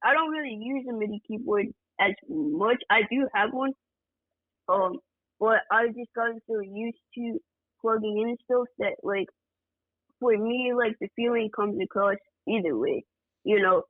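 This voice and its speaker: A man from Georgia speaks as a podcast guest in an unhurried, rambling way, leaning on fillers as he explains. His voice arrives over a tinny, phone-like line. There is no room sound around it at all. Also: sits high, no echo. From Georgia, USA. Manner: relaxed, rambling, many fillers like "like" and "you know". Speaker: guest music producer. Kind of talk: casual interview chat.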